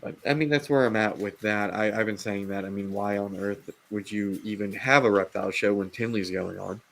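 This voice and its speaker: This man's fairly low, fairly bright voice carries vocal fry and fairly even intonation at a fairly quick pace. Hosting a casual reptile livestream, he wanders and rants, with many fillers and restarts as his voice goes.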